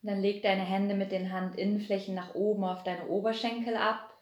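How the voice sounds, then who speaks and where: A woman guiding a relaxation meditation, speaking in a soothing way and slowly counting down to deepen the relaxation. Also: flat delivery, roomy sound. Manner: slow, soothing, repetitive counting down. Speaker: meditation guide. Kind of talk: guided hypnosis meditation.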